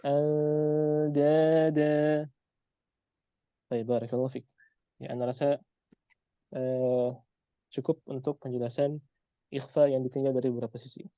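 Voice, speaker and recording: A man teaching Quran recitation in an online lesson, patiently repeating example sounds slowly. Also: medium pitch, no room sound, highs cut off.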